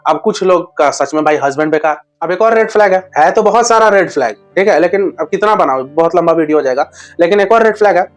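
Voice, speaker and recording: A man's voice: high voice, fast, faint music behind. A man giving relationship advice in a casual monologue, blunt and slangy with crude humor.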